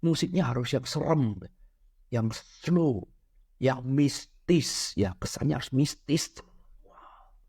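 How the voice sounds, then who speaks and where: A middle-aged man lectures in a relaxed, conversational way. His pitch sits in an ordinary middle register, and he keeps tossing quick tag questions to the audience as he explains. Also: breathy edge. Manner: lively, peppers talk with "ya" and "benar ya?". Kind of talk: casual spiritual lecture.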